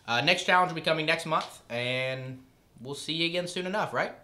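A man's voice: a little high, fairly quick, pushed and bright, echoey room, a little hiss or hum. A man in his thirties talking casually as he hosts a challenge video.

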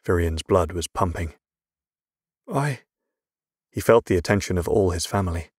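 A man reading a fantasy audiobook in a measured, even storytelling voice. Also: sits low, breathy edge, dry recording, clean studio sound. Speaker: audiobook narrator. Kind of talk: scripted narration.

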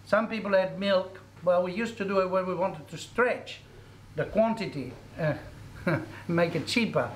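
Cooking in a commercial kitchen, a middle-aged cooking show host talks his audience through the demonstration in an instructive, chatty way. His voice sits high, and the echoey recording carries faint sizzling plus a little hiss or hum.

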